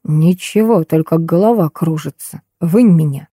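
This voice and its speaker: A woman's voice: sits low, unhurried, mellow, husky, no room sound, studio quality. A woman reading the lines of a grumpy, touchy middle-aged male police colonel in an audiobook, complaining and pleading. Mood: grumbling.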